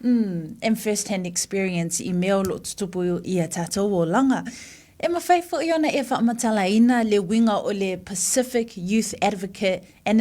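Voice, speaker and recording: A woman's voice: mid-range voice, mellow. A woman hosting a breakfast radio show, interviewing in two languages and affirming her guest with short responses.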